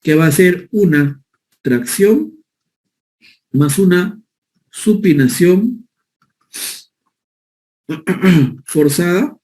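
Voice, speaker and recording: A man's voice: sits high, expressive, extremely slow, pauses often, warm tone. A man giving a medical lecture, explaining step by step and often checking in with his listeners. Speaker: physician lecturer.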